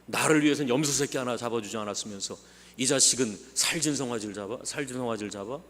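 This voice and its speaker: A man's voice: medium pitch, fast, natural voice. A man voicing an angry young older brother who complains that he worked while his brother wasted everything. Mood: bitter. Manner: shouting, indignant complaints. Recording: long church hall reverb.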